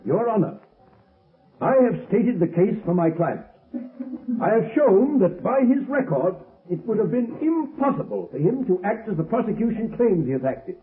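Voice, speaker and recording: An actor playing an earnest, indignant defense attorney with formal, oratorical delivery in 1930s radio style. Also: male voice, sits high, sing-song, normal speed. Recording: phone-like, muffled old radio recording.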